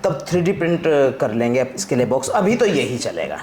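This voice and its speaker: Chatting informally over clear background music, a vlog host and dad explains his hands-on project. His mid-range voice is sing-song and a little mellow at a fairly quick pace, with a bit of hiss or hum.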